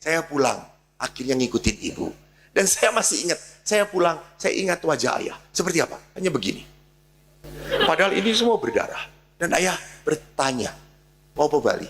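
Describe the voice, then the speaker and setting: Gravelly priest telling a story. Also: male voice, fairly high pitch, normal speed, slight background noise. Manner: animated storyteller, acts out dialogue. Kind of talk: storytelling sermon.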